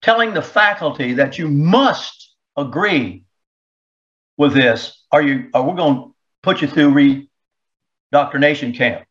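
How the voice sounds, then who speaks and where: Indignant talk show guy, kinda high voice, sarcastic, muffled lo-fi sound. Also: expressive, slow pace, a bit bright. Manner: sarcastic, indignant, reads excerpts aloud. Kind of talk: opinion talk monologue.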